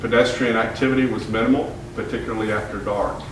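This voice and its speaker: A man's public history lecture echoes heavily through a hall, heard from afar at a mid-range pitch with fairly even intonation. At first he stumbles over fillers and restarts, then reads from prepared remarks. Faint hiss underlies the room sound.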